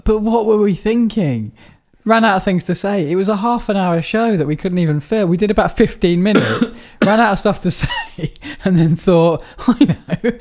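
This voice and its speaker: Dry, rambling man, slightly high. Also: moderate pace, hardly any pauses, a little mellow. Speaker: podcast co-host. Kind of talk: casual chat.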